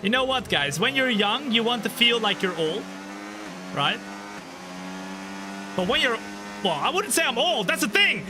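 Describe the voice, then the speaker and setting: This twenty-five-year-old streamer speaks in a very high voice with big pitch swings, going a little slowly and pausing often. He chats with viewers while calling a racing game live, joking and poking fun at himself, as game engine sounds of racing cars play behind him.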